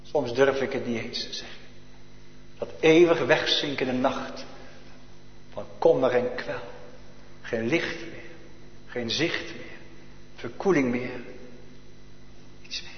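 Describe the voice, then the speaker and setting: A man's voice: medium pitch, slow, long pauses. Male pastor preaching in an echoey church. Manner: urgent, swings between loud preaching and hushed near-whispers. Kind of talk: sermon. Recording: echoey church hall, dull lo-fi sound.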